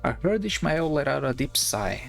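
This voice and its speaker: A man's voice: medium pitch, sing-song, moderate pace, creaky. A man streaming a game live, reading its dialogue aloud casually and stumbling over words now and then. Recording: faint game music behind.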